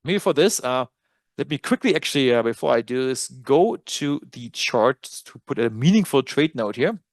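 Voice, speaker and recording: A man's voice: mid-range voice, animated, normal speed, dry recording. A man with a German accent presenting a trading dashboard in a webinar, walking through features in a casual, self-correcting way. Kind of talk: software tutorial walkthrough.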